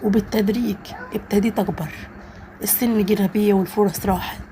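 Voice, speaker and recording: A woman's voice: medium pitch, fairly even intonation, fast, dark tone, a little hiss or hum. A woman with an Egyptian Arabic accent, narrating a first-person story in an earnest, emotional way.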